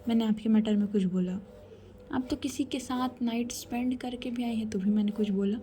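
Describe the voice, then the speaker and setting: A woman's voice: fairly high pitch, brisk, dark tone, close to an everyday voice. A woman voicing a defiant, irritated young bride, speaking indignantly in a told story. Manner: indignant, pushes back sharply.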